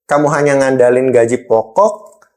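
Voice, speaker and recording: A man's voice: mid-range voice, steady tone, normal speed, a little mellow. A man with an East Javanese Indonesian accent in a role-play monologue as an angry boss, scolding an employee with pointed rhetorical questions.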